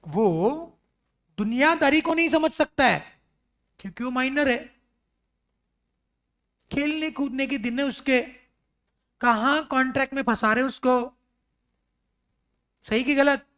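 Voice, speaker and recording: Animated male law teacher in class. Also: very high-pitched, slow, pauses often. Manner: animated, acts out scenes with students, mixes English terms. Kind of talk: classroom lecture.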